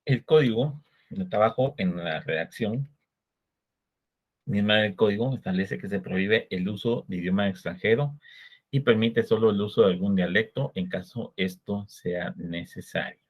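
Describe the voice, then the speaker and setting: With a lowish voice and a Guatemalan Spanish accent, a Guatemalan man lectures on law, measured in his explanations and fond of rhetorical questions aimed at students. The recording is dull and lo-fi.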